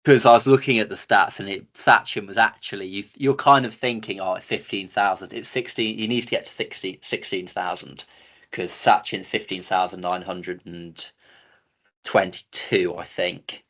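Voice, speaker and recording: A man's voice: low-pitched, fairly even intonation, normal speed, fairly bright tone. A young man co-hosting a casual sports chat, confident and cheeky, stating bold opinions. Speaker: co-host.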